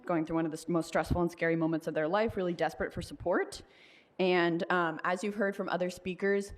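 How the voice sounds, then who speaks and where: A woman who works with tenants speaks at a city council meeting, earnest and steady, with an occasional um. Her voice sits lower than most women's. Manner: earnest, with filler ums. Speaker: tenant advocate giving public comment. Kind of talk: public comment.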